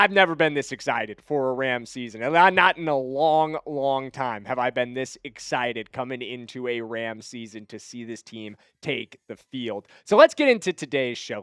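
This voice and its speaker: A man's voice: mid-range voice, a bit bright, clean tone, no echo, studio quality. A young man hosting a football news show, talking with enthusiastic, emphatic fan energy. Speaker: sports podcast host.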